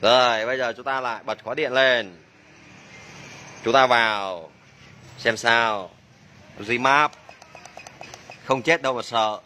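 A man's voice: medium pitch, takes it slowly, pauses often, bright, forceful tone, a little hiss or hum. A man working as a motorbike mechanic, demonstrating a repair and joking and exclaiming to himself as he works. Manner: chatty, jokey, exclaims under his breath.

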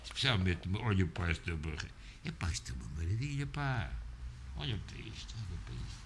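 A man's voice: sits low, sing-song, quick pace, noisy background. A man talking casually at home, doting and cooing in baby talk. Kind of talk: casual home video chat.

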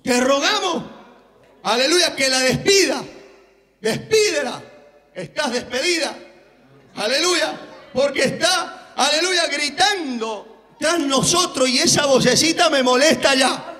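A man preaching a fiery sermon, shouting often and saying hallelujah constantly. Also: extremely high pitch, expressive, measured pace, in a large hall. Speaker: evangelist preacher.

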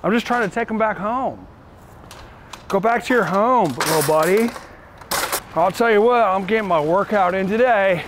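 A man's voice: sits high, normal speed, long pauses, noisy background, lightly acted. A young man playing a laid-back, goofy dude who returns shopping carts, rambling in an upbeat way outdoors in a parking lot. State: winded. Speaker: comedic character. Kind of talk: improvised comedy sketch.

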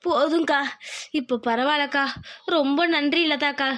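A woman's voice: high voice, fairly even intonation, moderate pace, a bit bright, no room sound. A woman voicing a tired, pregnant young village wife in a cartoon, complaining but polite. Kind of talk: cartoon voice acting.

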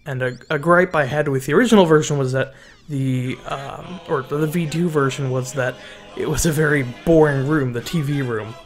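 A man giving relaxed, casual voice-over commentary on a Minecraft build, often pausing with ums and restarting sentences. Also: a little high, soft background music.

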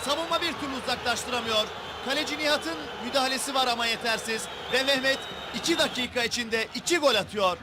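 Male football commentator, very high excited delivery, raised voice, noisy 1990s sports broadcast. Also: fast. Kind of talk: match highlights commentary.

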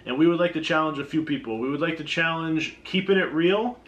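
A man's voice: on the high side, brisk, fairly bright tone. A man in his thirties hosting a casual challenge vlog, talking in a kitchen a few feet from the camera. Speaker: video host. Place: indoor kitchen at a counter. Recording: echoey room, background noise.

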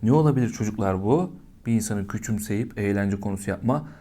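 A man's voice: fairly low pitch, fairly quick, dark tone. A man teaching a primary school lesson, patiently asking young children questions and answering them himself.

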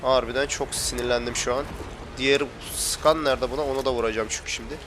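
A young man talks fast over a noisy background as he narrates his gameplay for his YouTube audience, his medium-pitched voice staying steady. Chatty yet irritable, he keeps complaining to viewers that he's getting annoyed.

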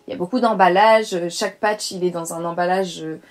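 A woman's voice: fairly low pitch, steady tone, a little fast. A young adult woman chatting casually as a beauty vlogger, hesitant and full of fillers as she reviews her products.

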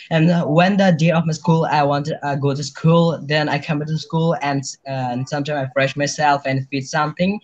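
A man's voice: on the high side, muffled recording. A teenage boy from Bangladesh, a student guest answering questions politely in simple English over a video call, often saying "sir". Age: teens. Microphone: webcam on video call.

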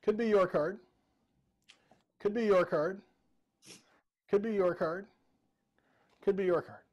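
A man's voice: high-pitched, slow pace, darkish tone, muffled recording. A middle-aged man performing jokey, interactive mind-reading magic patter as a showman, addressing participants by name. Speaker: virtual magician and mentalist. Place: indoor room with bookshelves, video call.

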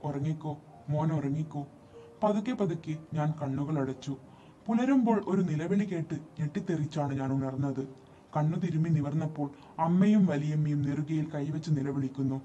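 A man reading a short story aloud as narrator, telling it in an expressive, dramatic way. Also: fairly high pitch, normal speed, slight background noise. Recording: dull lo-fi recording, faint music behind.

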